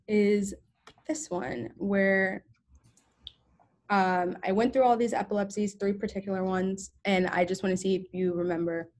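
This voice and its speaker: A woman's voice: medium pitch, darkish tone. A young woman giving an informal science presentation on a video call, talking casually with many ums and self-corrections. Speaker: student presenter.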